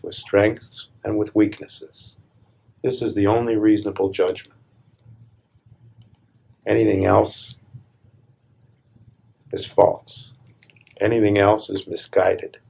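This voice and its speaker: A man leading a guided meditation as a spiritual teacher, calm and deliberate, with a gravelly, husky voice and measured pauses between short phrases. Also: lowish voice.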